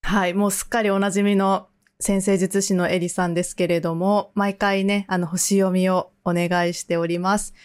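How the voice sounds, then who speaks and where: A woman's voice: mid-range voice, flat delivery, moderate pace, few pauses. A woman yoga teacher hosting a podcast, chatty and friendly with light fillers.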